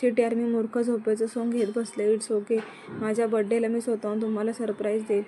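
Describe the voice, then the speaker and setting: A woman's voice: a little high, monotone, a little fast, dark tone, a little hiss or hum, natural voice. A woman reading the inner thoughts of a playful, fond young wife in a storybook tale, musing to herself.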